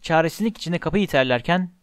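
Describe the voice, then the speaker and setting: A man's voice: on the high side, animated, quick pace, clear, resonant tone, dry recording. Man reading a story, dry close sound. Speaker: audiobook narrator. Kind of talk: scripted storybook narration.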